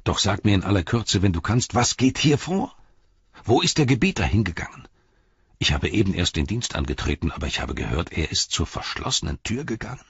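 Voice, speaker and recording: A man's voice: sits low, big pitch swings, fairly quick, husky, no room sound, voice pushed up, exaggerated voice. Man doing a worried loyal city guard. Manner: earnest, worried questioning. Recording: dull, dry recording.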